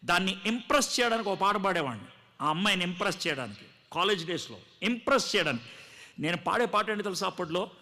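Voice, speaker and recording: A man's voice: high-pitched, sing-song, fast, bright, forceful tone. A man preaching a testimony sermon to a live gathering, telling his story dramatically and acting out the dialogue. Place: live gathering before a congregation.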